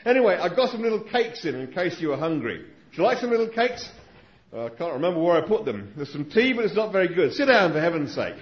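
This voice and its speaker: A man's voice: fairly high pitch, sing-song, quick pace, reverberant, dull audio. A man putting on a grumbling Australian venom doctor. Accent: Australian (put on). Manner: grumbling, exasperated, rambling.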